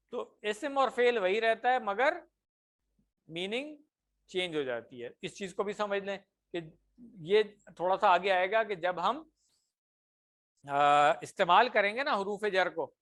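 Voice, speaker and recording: A man teaching a class that is also followed online. He explains patiently, checks often that students follow, and slows down on example phrases. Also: high voice, fairly bright tone.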